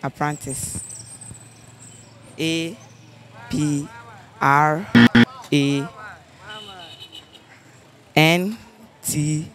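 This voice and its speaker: Slow, higher-voiced Ghanaian man on the street. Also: fairly even intonation. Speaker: street quiz contestant. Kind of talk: answering street quiz questions. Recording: noisy street with traffic. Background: vehicles and street noise.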